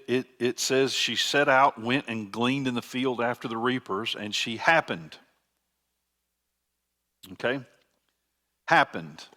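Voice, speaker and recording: An older pastor with a fairly low voice preaches in a conversational teaching manner. He restarts phrases often as he explains a passage to his listeners. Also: pushed and bright. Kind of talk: sermon.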